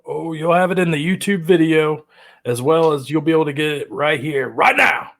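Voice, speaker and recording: A man hosting a fantasy football podcast, talking fast with energetic, slangy banter. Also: fairly high pitch, vocal fry. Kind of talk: casual hyped-up podcast chat.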